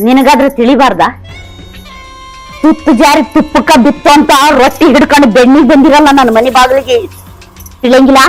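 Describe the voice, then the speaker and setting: Woman acting a rich stepmother-in-law, North Karnataka accent, very high-pitched, taunting, contemptuous. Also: fairly even intonation, fairly quick, pauses often, faint music behind, close to an everyday voice, poor audio. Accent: North Karnataka Kannada. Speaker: actor.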